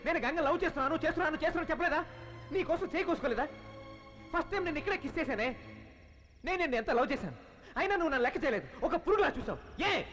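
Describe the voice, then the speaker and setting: A man's voice: extremely high pitch, a bit bright, full character voice. A man voicing a young man earnestly pleading with the woman he loves, in a dubbed film drama.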